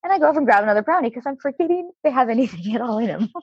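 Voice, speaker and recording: A woman spins a long personal story in a relaxed interview, animated and quick to laugh as she acts out the voices of people she quotes. Her voice has a slightly husky edge. The recording is dull and dry. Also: a little high, dry recording. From Alaska. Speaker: guest.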